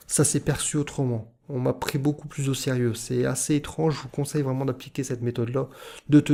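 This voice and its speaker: A man's voice: mid-range voice, vocal fry, mellow. A man from northern France with a northern French accent, giving rambling, hesitant self-help advice in a casual YouTube monologue. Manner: rambling, hesitant, many fillers and restarts.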